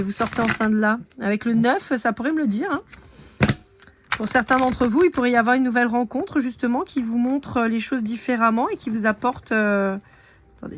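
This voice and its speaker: A woman's voice: fairly high pitch, noisy background. A woman giving a casual live card reading, chatting directly to her viewers. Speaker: tarot card reader.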